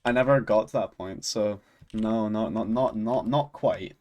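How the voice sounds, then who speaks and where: A Scottish man with a lowish, darkish voice speaks a little slowly in a muffled recording. He chats casually on his stream while gaming and reading chat, rambling and laughing often.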